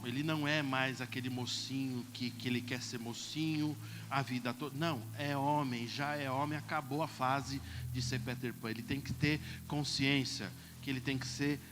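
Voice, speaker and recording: A man in his fifties with a Brazilian Portuguese accent, preaching a sermon as pastor, calling out "Amém?" and mimicking people in funny voices. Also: mid-range voice. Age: 50s. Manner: lively preaching, mocking voices, repeated "Amém?".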